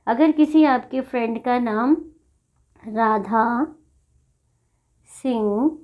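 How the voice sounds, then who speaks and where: A woman teacher explaining a lesson slowly and patiently, repeating each sound so pupils can copy it. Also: on the high side, muffled recording.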